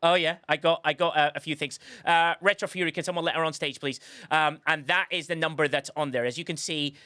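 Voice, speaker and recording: A man's voice: a little high, steady tone, fairly quick, sharp tone, clean tone, no room sound, clean studio sound. A man hosting a casual live-stream podcast, chatty and effusive, rambling with frequent restarts. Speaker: podcast host.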